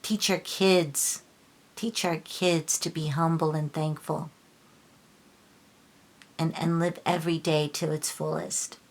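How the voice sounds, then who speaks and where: Slow, earnest woman reading tarot. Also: deep voice, fairly even intonation. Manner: earnest, preachy, repeats herself, restarts sentences. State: emotional, near tears. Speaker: tarot reader. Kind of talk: casual tarot reading vlog.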